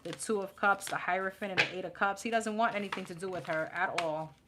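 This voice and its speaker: A woman's voice: mid-range voice, fast talker. A woman with a New York accent doing a live tarot reading, blunt and sassy, chatting and laughing as she pulls cards. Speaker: tarot reader. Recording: audible background noise with card shuffling.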